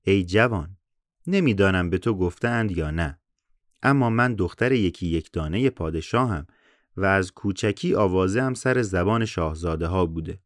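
Brief: man voicing a poised, clever princess, slow and measured, dry close sound. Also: low voice, no echo. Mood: calm. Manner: calm, measured, slightly mocking. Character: wise, calm young princess, only daughter of a king.

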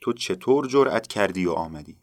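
A man voicing a huge, boastful male demon in a told folktale, booming out threats in his deep voice. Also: animated, no echo, studio quality. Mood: menacing.

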